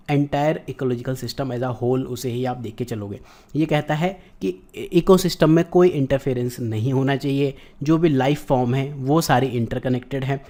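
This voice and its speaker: A man's voice: mid-range voice, mellow. A man teaching a recorded geography exam-prep lecture, explaining in Hindi mixed with English terms and often checking in with "right".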